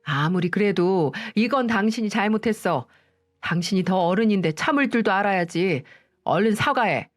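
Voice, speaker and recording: A woman's voice: mid-range voice, animated, normal speed, faint music behind, lightly acted. A woman reading a story aloud and voicing a husband who reproaches his wife. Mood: stern.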